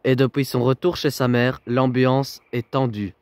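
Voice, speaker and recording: A man giving scripted voice-over narration for a reality documentary, with dramatic, punchy phrasing and pauses. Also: mid-range voice, little pitch movement, a little mellow, dry recording.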